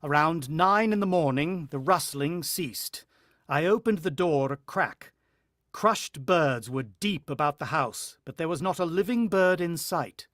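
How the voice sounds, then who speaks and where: A man with a fairly high, fairly bright voice plays a desperate, haunted husband in a radio play, recounting a siege in a grave, clipped, intense way while staying animated and unhurried. The mood is grim and haunted across the dramatic narration and dialogue. The studio recording is clean, with no room sound.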